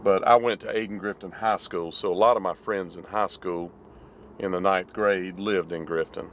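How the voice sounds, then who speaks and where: A man's voice: deep voice, moderate pace, a little hiss or hum. A man, reminiscing in casual chat and then narrating while driving. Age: 50s. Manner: relaxed, reminiscing. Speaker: vlog host. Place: living room, then a car.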